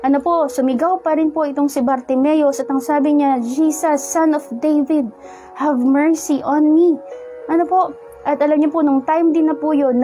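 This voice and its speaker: A woman preaching a sermon with a Filipino accent, telling stories in a polite, unhurried way and filling pauses with "ano po". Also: sits high, a little mellow. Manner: polite, unhurried storytelling with frequent "ano po" fillers.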